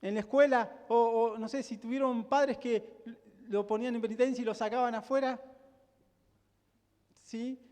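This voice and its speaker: A man's voice: very high voice, steady tone, normal speed, a little mellow. A male pastor with a Rioplatense Spanish accent preaching a sermon, emphatic and full of rhetorical questions to the congregation. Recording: long hall reverb.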